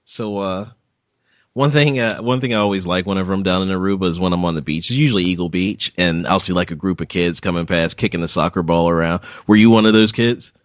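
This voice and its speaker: A man's voice: deep voice, quick pace, dry recording, studio quality. A man hosting a podcast in a casual, conversational style, introducing and interviewing. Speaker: podcast host.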